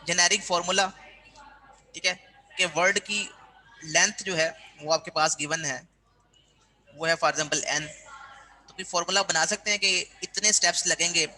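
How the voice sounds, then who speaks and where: A man's voice: sits high, sharp tone, rough recording. A man teaching a university class, explaining step by step and often checking in with his students. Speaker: university lecturer. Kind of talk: classroom lecture.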